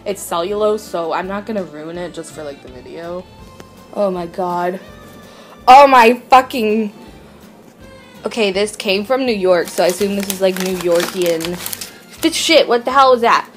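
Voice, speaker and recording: A woman vlogging an unboxing in casual chat, excitable, swearing often and filling her talk with "like". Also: medium pitch, unhurried, faint music behind. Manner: excitable, swears a lot, says "like" constantly.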